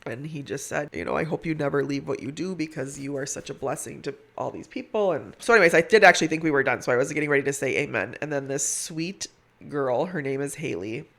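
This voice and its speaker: A woman telling a personal story in conversation as a hospice nurse, in a heartfelt, emphatic way with drawn-out words. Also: deep voice, vocal fry, fairly bright tone. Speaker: hospice nurse, podcast guest.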